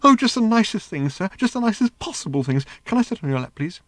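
A man's voice: sits high, big pitch swings, fast, dry recording, pitched above the performer's own voice. A tiny robot that squeals and gushes with giddy, servile delight, as a man puts it on. The voice sits well above his own, swinging eagerly up and down. The recording is dry and close. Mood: gushing. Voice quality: squealing, gushing. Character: gushing little male security robot, ecstatically servile.

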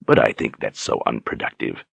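A brutish, menacing male tyrant, put on by a man reading a storybook, speaks in a deep, grating voice dropped even lower than the narration. He taunts slowly and mockingly, savoring his power. The sound is dry and close, with no room around it. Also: creaky, slightly rough, no echo, full character voice. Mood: mocking menace. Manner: mocking, taunting, slow and deliberate.

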